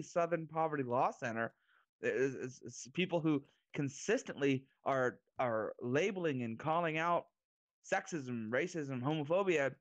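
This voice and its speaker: A man's voice: fairly high pitch, no echo. A man co-hosting a casual political podcast, talking emphatically and repeating words as he builds a point. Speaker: podcast co-host.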